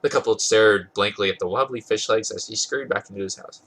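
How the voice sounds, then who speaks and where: Speaking fast with a lowish, fairly bright voice that is husky and congested, a man reads a comic fan fiction story on his podcast. His reading is dramatic and amused, with occasional stumbles he corrects.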